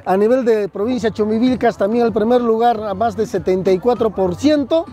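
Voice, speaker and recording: A man's voice: high voice, brisk. A man, a municipal official at an outdoor fair giving an earnest press interview, listing items and adding tag questions. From southern Peru.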